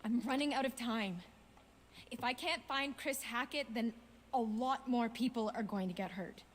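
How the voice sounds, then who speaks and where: Woman voicing a young woman on a hunt, urgent and pushy, kinda high voice, horror game vibes. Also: moderate pace, a little hiss or hum, close to an everyday voice. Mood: determined. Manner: urgent, insistent. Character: determined young woman hunting a werewolf. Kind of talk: video game voice acting.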